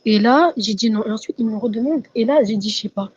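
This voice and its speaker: A young woman giving a halting, stammering testimony over a dull, lo-fi mic. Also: on the high side, a little mellow, breathy edge. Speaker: testimony giver.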